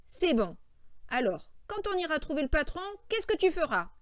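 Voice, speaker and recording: A bossy, short-tempered farmhand, as a woman reading a novel aloud plays him, scolding and impatient. The voice is raised and fairly high, with a close, dry sound. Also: very animated, normal speed, dry recording. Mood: instructing, scolding.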